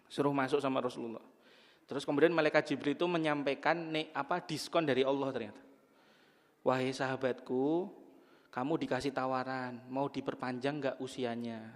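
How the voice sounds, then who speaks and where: Man giving a joking sermon in a hall. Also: fairly high pitch. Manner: humorous storytelling, jokes with audience. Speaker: preacher. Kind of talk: sermon to a women's study group. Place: mosque.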